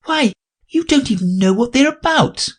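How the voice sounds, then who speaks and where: A man voicing a blunt, indignant young girl who answers back in soft, matter-of-fact retorts. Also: very high voice, expressive, normal speed, voice pushed up.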